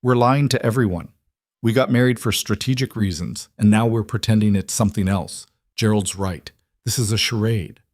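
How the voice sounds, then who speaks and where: A man's voice: lowish voice, normal speed, no room sound, clean studio sound, lightly acted. A man voicing a guarded young businesswoman, pleading and unsteady, in a storybook narration. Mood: pained.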